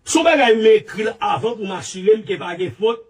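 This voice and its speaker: A man with a Haitian Creole accent giving animated, repetitive, emphatic commentary. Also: high-pitched, normal speed, recorded from a distance. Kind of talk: casual commentary.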